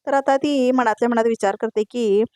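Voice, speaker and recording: A woman's voice: a little high, fairly even intonation, brisk, a little mellow, dry recording, clean studio sound. A woman narrating a voice-over recap of a TV serial, chatty and talking straight to the viewers. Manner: chatty, addresses viewers directly.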